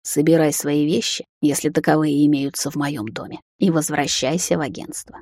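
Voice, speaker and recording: Woman voicing a cold male vampire lord, low, slow and stern, dry storybook read. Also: fairly even intonation, a little mellow, dry recording. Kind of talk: audiobook character voice.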